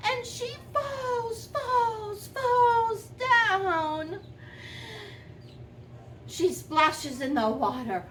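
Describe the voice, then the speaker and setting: A woman voicing a sweet, gentle old granny who tells a children's story expressively, lingering on and repeating words. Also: sits high. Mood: excited concern. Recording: distant microphone, faint background noise.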